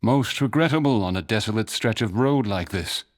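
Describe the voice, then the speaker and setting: A man voicing a courteous, wry masked spymaster with a calm, polite, dryly amused manner. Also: on the low side, moderate pace, lightly acted.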